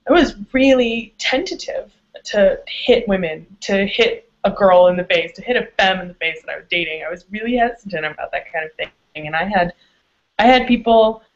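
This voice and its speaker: A guest expert answering interview questions frankly, with quick laughs, profanity and frequent restarts. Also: female voice, mid-range voice. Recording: dull lo-fi audio.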